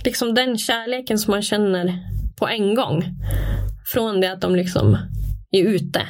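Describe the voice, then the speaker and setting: Candid young woman with a gravelly voice. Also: mid-range voice. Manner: candid, animated, frequent fillers. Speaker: interview guest. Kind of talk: casual personal storytelling.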